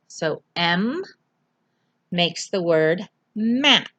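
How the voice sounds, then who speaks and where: A woman teaching a phonics lesson to young children, sounding out letters slowly, clearly and patiently in a home video lesson. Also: on the low side, expressive, a bit bright, dry recording.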